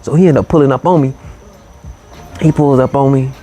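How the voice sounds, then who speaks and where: A man hosting a late-night show, telling a story in a relaxed, easygoing way, with lots of "you know" and "man". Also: mid-range voice, a little fast, soft background music. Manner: laid-back, drawling, full of "you know" and "man". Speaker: host.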